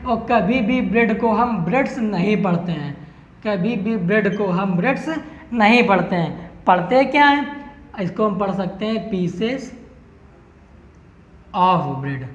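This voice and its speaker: A male English teacher giving an online lesson, who asks the class questions and answers them himself to drill each point. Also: sits high. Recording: roomy echo, dull lo-fi sound, faint hiss.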